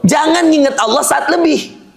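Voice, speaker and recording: High, gravelly male preacher. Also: normal speed. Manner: jokey, teasing, quizzes listeners. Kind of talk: sermon to a live audience.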